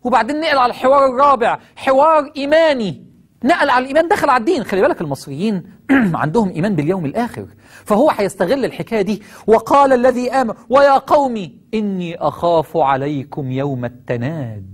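A man's voice: very high voice, sing-song, very fast. A man with an Egyptian accent preaching on Quranic verses, firing rhetorical questions at his listeners.

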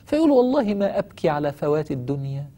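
A man's voice: on the high side, big pitch swings, rapid-fire, mellow. A man with an Egyptian Arabic accent preaching a sermon, telling stories with feeling and rising to fervent pleading.

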